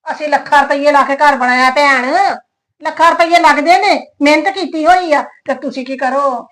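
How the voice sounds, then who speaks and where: Woman playing a landlady, high voice, domineering, scolding. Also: normal speed, fairly bright tone. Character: stern scolding landlady, middle-aged woman. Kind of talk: skit acting.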